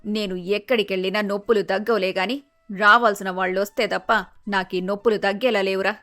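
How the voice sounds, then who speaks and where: A woman's voice: mid-range voice, steady tone, fairly quick, a bit bright, dry recording, lightly acted. A woman voicing a middle-aged mother in a cartoon story, teasing and scolding her son in a down-to-earth manner.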